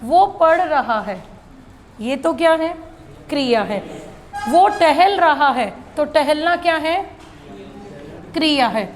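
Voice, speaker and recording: Woman teacher, high voice, quizzing then answering herself, echoey room, faint hum. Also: animated, takes it slowly, long pauses. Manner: asks questions and answers them herself. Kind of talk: Hindi grammar lesson.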